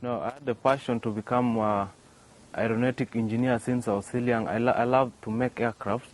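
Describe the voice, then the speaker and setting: A young South Sudanese inventor answers interview questions outdoors by a workshop, hesitating, restarting often and saying "yeah" as a filler. His medium-pitched voice is steady and a little fast, with faint outdoor noise around him.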